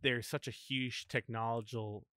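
A man's voice: mid-range voice, steady tone, moderate pace, sharp tone, no room sound. Male co-host, mid-range voice, dry close sound, questioning and interjecting casually. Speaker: podcast co-host. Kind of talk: casual discussion.

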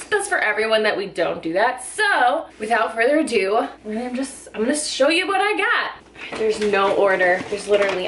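A woman's voice: fairly high pitch, a bit bright, a little hiss or hum. Chatty young woman vlogging in kitchen. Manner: chatty, filler-heavy, upbeat. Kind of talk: casual haul vlog. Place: home kitchen, indoors.

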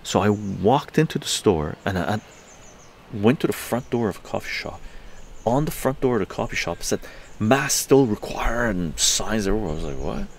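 Livestreaming from his outdoor patio, an older man from Canada tells his live chat a casual story at normal speed in a gravelly voice, with a little hiss or hum on the audio. He laughs and swears his way through it, animated and crude, doing quoted lines in higher voices.

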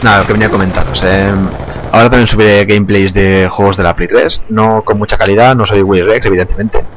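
Low-voiced young gamer, chatty. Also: male voice, fast talker, a little hiss or hum. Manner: relaxed, chatty, swears casually, laughs often. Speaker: gaming youtuber. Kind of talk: casual gameplay commentary. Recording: gunfire behind the voice. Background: game gunfire and explosions.

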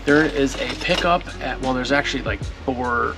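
Gravelly-voiced man chatting casually. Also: mid-range voice, moderate pace, music in the background. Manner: relaxed, conversational. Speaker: co-host, company employee. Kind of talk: casual chat. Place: large warehouse.

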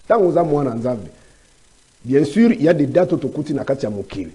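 A man with a Congolese French accent holds forth on church customs in a studio discussion, quoting scripture and lecturing at length. His voice is warm and dark at a mid pitch, with halting restarts, and a faint hiss sits under it. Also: big pitch swings. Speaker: commentator on church life. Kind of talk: studio discussion, preachy commentary.

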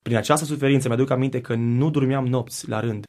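A man speaks in a gravelly, creaky voice, telling his faith story in a TV studio interview. His delivery is earnest and reflective, and he often pauses and restarts as he searches for words. His pitch stays fairly even throughout. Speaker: guest singer. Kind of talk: personal faith testimony.

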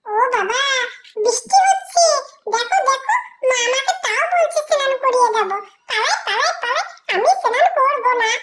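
A woman's voice: lively intonation, normal speed, fairly bright tone. A woman voicing a playful little boy god who whines and giggles about a cold bath, in a doll role-play vlog. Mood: giggly. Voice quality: high childish squeal, giggly. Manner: whiny and pleading, breaking into giggles.

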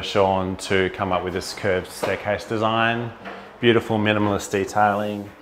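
A man's voice: lowish voice, slight background noise. Upbeat Australian man touring a house. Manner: enthusiastic, upbeat, with frequent fillers. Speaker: architect giving a house tour. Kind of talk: casual walkthrough narration. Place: inside and around a large suburban house.

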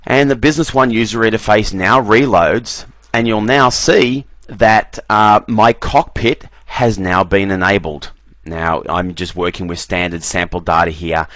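A man giving a relaxed screen-recorded software walkthrough, often repeating "very, very" as he clicks through menus. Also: deep voice, moderate pace, no echo. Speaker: software trainer.

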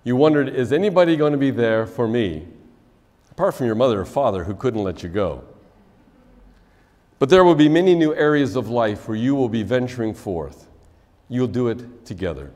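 A man in his sixties preaching a measured wedding sermon as officiant, his phrases dropping softly at their ends, in a church sanctuary. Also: mid-range voice, expressive. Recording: long church reverb.

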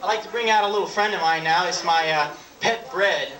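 A man in his twenties doing live stand-up comedy with props in a halting, offhand way. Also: high voice. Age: 20s. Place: small dark theatre stage with audience. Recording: roomy old videotape, distant, audience noise. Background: audience laughter and crowd noise.

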